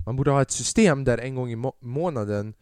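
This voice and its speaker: Animated young man, comic podcast rant. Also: medium pitch, smooth, dry recording, clean studio sound. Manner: animated storytelling, acts out his father and others in loud bursts, swears freely. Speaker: podcast host. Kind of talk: solo comedic podcast monologue.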